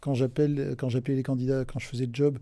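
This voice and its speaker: A middle-aged man talks as a guest on a podcast, casual and informal, stopping often with fillers and restarts. His voice is gravelly and mellow, and the recording is dry and close. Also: medium pitch, little pitch movement, quick pace, no room sound. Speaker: podcast guest, recruitment firm director.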